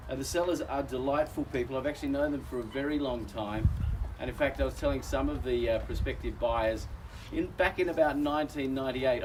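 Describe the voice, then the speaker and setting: This Australian auctioneer, his voice worn down by a recent chest infection, speaks genially to the crowd outdoors at a house auction, folksily addressing them as "folks." His voice is mid-range and darkish. The rough recording comes from a distant mic with slight background noise.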